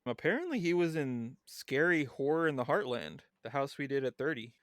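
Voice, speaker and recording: Smooth-voiced man on a podcast. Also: medium pitch, animated, normal speed, no echo, clean studio sound. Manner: reads background notes aloud, then chats loosely. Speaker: podcast co-host. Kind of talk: casual chat.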